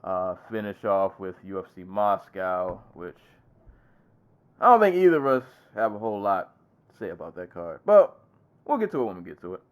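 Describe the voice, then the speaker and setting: A man's voice: sits low, sing-song, moderate pace. A man co-hosting a podcast in casual chat. He talks in a laid-back way and laughs often. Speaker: podcast co-host.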